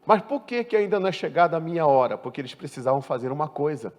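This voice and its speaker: A male pastor preaching a sermon, asking the congregation questions and swinging from loud emphatic peaks to quiet endings. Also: fairly high pitch, lively intonation, quick pace. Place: church hall. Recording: church hall reverb.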